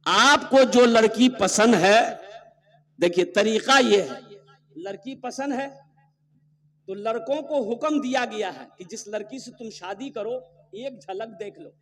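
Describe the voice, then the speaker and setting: A man giving a humorous sermon at a public gathering. He swings between loud exhortation and low asides, and quotes dialogue in changed voices. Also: measured pace. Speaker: preacher.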